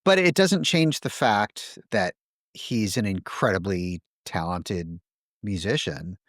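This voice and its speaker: A man's voice: fairly low pitch, expressive, slow, a bit bright, no room sound, clean studio sound. A man hosting a podcast, thinking aloud in a hesitant, filler-heavy way. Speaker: podcast host. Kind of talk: casual conversation.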